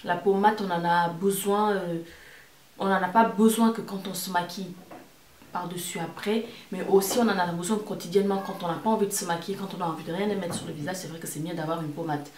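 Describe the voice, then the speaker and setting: A woman's voice: on the low side, fairly even intonation, fairly quick, a little mellow. A woman giving a casual product review to camera as a beauty vlogger, repeating words and phrases for emphasis. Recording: roomy echo, distant mic, faint noise.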